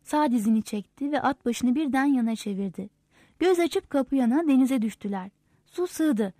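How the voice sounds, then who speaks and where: A woman narrating a novel aloud in a steady, measured storytelling manner. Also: sits high, no room sound. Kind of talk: audiobook narration.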